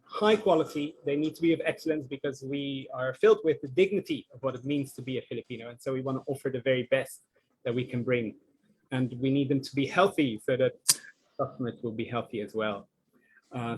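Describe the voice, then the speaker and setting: A man's voice: medium pitch, slightly rough, rough recording. A man, earnestly presenting his social enterprise on a video call, with frequent ums. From Netherlands.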